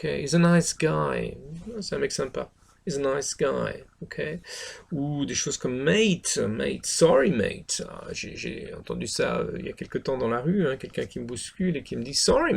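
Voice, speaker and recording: A middle-aged man giving a casual spoken lesson, repeating each phrase and filling pauses with hesitations. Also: mid-range voice, creaky, a little mellow. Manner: repeats phrases, lots of fillers. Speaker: English teacher.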